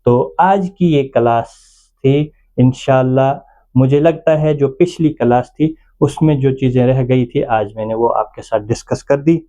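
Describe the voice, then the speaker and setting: A man whose first language is Urdu teaches the Arabic alphabet in an online lesson as a Quran reading teacher. He explains patiently, step by step, in a mellow, mid-range voice.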